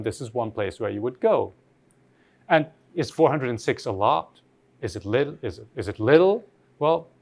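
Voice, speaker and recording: Animated man from Austria giving a lecture. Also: medium pitch, gravelly. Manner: reflective, poses rhetorical questions to the audience. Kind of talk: academic lecture.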